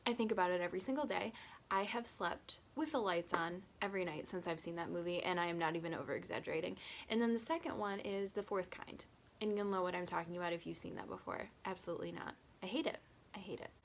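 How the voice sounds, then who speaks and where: Twenties woman, tipsy and self-mocking, low-ish voice, rambling vlog chat. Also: quick pace, gravelly, a little hiss or hum. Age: 20s. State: tipsy from drinking. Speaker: vlogger. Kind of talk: casual get-to-know-me chat.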